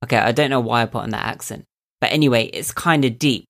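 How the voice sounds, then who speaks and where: A man with a nasal, slightly squeaky voice hosting a podcast. He gives a calm, reflective self-help monologue and speaks straight to the listener. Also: fast. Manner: calm, thoughtful, addresses listener directly. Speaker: podcast host.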